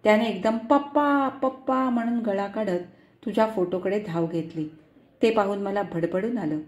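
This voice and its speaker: Mellow-voiced woman reading a story, echoey room. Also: mid-range voice, normal speed. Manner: tender, pleading letter-style narration.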